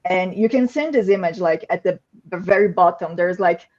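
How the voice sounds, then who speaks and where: A woman excitedly explaining a product on a livestream panel, with lots of "like" fillers. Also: fairly low pitch, normal speed, highs cut off. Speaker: game company staff member.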